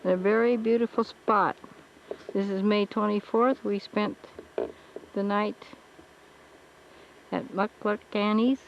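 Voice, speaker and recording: A woman's voice: medium pitch, steady tone, vocal fry. Woman on muffled old camcorder audio. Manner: slow, plain describing of the scenery. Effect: old camcorder audio, muffled with faint hiss. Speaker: traveler narrating her home video. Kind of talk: casual narration while filming. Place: outdoors by a lake and campground. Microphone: built-in camcorder mic. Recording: muffled lo-fi camcorder tape with faint hiss.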